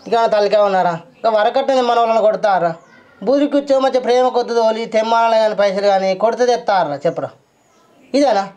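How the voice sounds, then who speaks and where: A reproachful village friend, played by a man in a comedy sketch. He speaks high and quick, and the sound is muffled and dull. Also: darkish tone, close to an everyday voice. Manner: reproachful, questioning. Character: village friend Bheema, scolding the husband.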